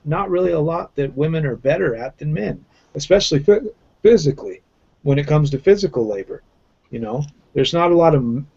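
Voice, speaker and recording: A man's voice: mid-range voice, darkish tone, highs cut off. A male host giving blunt, opinionated remarks in a casual group chat over a video call. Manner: blunt, opinionated, laughs along.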